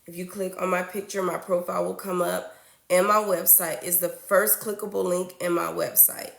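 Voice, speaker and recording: A woman's voice: lowish voice, flat delivery, moderate pace, creaky, reverberant. A woman, a registered nurse hosting a casual livestream, greeting viewers by name and a little congested from a cold.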